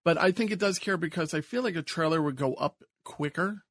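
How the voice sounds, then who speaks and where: A man's voice: on the high side, a little fast, a bit bright, no echo, clean studio sound. A man with a Long Island accent, co-hosting a podcast in a rambling, enthusiastic, self-correcting way. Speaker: podcast co-host. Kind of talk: casual podcast chat.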